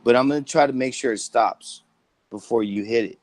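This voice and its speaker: A man's voice: medium pitch, fairly quick, no echo. A man on a phone call ranting in a sarcastic, profane, exasperated way. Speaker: prank caller and channel host. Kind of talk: trolling phone call rant.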